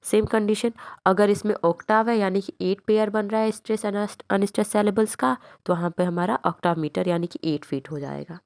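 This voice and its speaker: A woman teaching a lesson on poetry, reading English definitions slowly and then explaining them at length in Hindi, often checking in with "theek hai". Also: medium pitch, steady tone, creaky.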